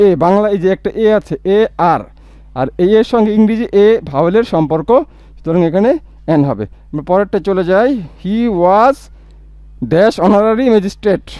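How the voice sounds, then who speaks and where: A man with a Bangladeshi accent tutoring English, reading example sentences slowly and then explaining them step by step. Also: high-pitched, warm tone, no room sound. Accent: Bangladeshi Bengali. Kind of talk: recorded tutorial lesson.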